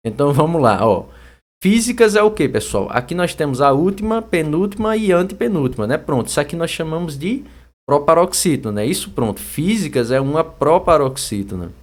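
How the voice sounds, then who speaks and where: A young Brazilian man runs a chatty exam-prep grammar lesson, his voice sitting a bit high. His pitch swings widely as he talks, and he sometimes calls out a word loudly to show the stress. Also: big pitch swings, a little fast. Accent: Brazilian Portuguese. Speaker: teacher.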